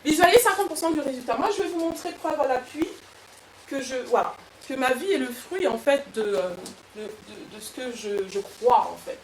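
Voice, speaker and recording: High-voiced woman coach, echoey room. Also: normal speed, slight background noise. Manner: lively, animated, with many restarts. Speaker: personal development coach. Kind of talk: motivational workshop talk. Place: event room with an audience. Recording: echoey room, far from mic.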